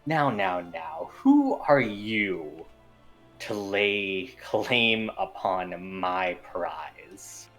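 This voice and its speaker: A man voicing a gloating, menacing demon villain in a tabletop game, with a deep, slow, taunting delivery. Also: very animated, vocal fry, fairly bright tone, soft background music, full character voice. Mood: taunting menace.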